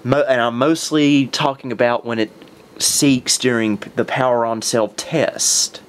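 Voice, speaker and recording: A young man speaks in a mid-pitched voice, tired and a little short of breath, but eager as he rambles along. He corrects himself often mid-sentence. A faint hiss sits under the recording. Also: steady tone, a little slow. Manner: chatty, self-correcting, enthusiastic. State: winded, worn out. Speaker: vintage computer video host. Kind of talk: casual talk to camera.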